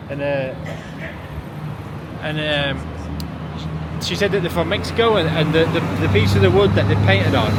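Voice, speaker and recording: A young man from England, chatting in a rambling, casual way as he vlogs a road trip, full of restarts and fillers. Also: on the high side. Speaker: travel vlogger. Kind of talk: casual travel vlog narration. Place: outdoors in a small town and in a car. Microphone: phone camera. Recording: phone video with clear street and car noise.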